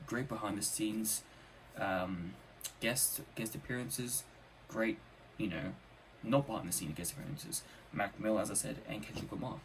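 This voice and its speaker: Casual male music reviewer, keen and emphatic, on the lower side, with light noise behind the voice. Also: low-quality recording. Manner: enthusiastic, emphatic with repeated phrases. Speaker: album reviewer.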